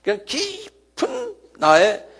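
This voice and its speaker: A man preaching a sermon as a pastor, animated, with sudden loud shouted cries, often checking the listeners with a quick question. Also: extremely high pitch, vocal fry.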